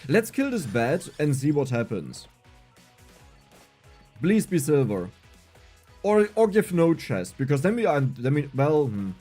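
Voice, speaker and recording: A man's voice: on the high side, big pitch swings, measured pace, pauses often, warm tone, faint music behind. A young adult man with a German accent, streaming a game, reading chat aloud and answering it with self-mocking humor. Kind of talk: casual livestream gameplay chat.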